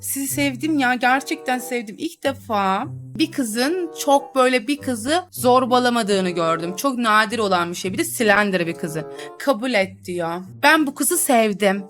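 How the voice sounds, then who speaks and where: A woman's voice: a little high, animated, normal speed, a bit bright, faint music behind. A young woman chatting and teasing through a role-play game, laughing often as she comments. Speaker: gaming YouTuber.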